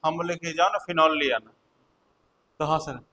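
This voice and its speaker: A man's voice: a little high, moderate pace, sharp tone, slight background noise, poor audio. A male teacher giving a classroom lecture, repeating key points and quizzing his students.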